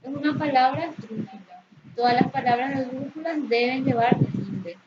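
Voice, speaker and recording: Give me a slightly high woman's voice, teaching slowly, muffled lo-fi sound. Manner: slow, careful, stresses syllables to demonstrate. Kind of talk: spelling lesson. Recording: echoey, muffled, noisy lo-fi.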